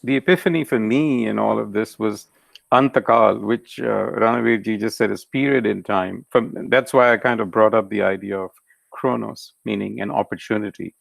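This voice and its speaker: Low, gravelly man moderating a discussion. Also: moderate pace, no room sound. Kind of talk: informal scripture discussion.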